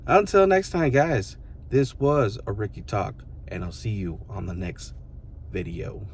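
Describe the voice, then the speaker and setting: There's a slight slowness to this thirty-something man's very deep voice as he rambles casually to his viewers, sprinkling in "like" and "you know" again and again. The vlog is a reflective talk straight to camera, backed by quiet room noise.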